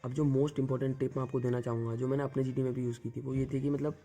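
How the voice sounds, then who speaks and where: Racing through a casual lesson, this young exam coach gives viewers direct advice on group discussions, leaning on one filler word again and again. His mid-range voice is mellow and has little pitch movement.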